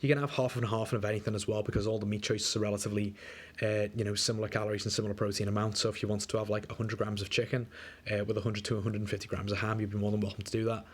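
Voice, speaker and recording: A young man with a fairly low voice talks rapid-fire in a flat delivery, coaching a client through a diet plan in a casual screen-recorded walkthrough. He's laid-back and chatty with lots of fillers, and sounds a bit wheezy from an oncoming flu.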